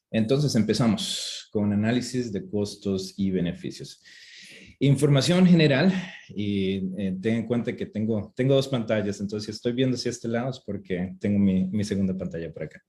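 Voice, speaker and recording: A man from Costa Rica giving a webinar lecture from a home office, talking haltingly with many fillers and restarts. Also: lowish voice, dark tone. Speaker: webinar speaker. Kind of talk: lecture presentation. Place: home office with two screens.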